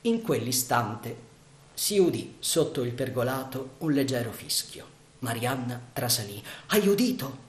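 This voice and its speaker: A man reading a novel aloud as theatrical narration, measured and dramatic. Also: mid-range voice, lively intonation. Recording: roomy echo.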